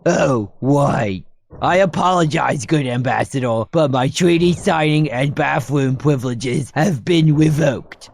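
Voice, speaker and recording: A man voicing a dim, excitable cartoon athlete playing colonel, bombastic like a booming prize announcer. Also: unhurried, gravelly, dry recording. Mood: sheepish, grumbling. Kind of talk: cartoon game acting.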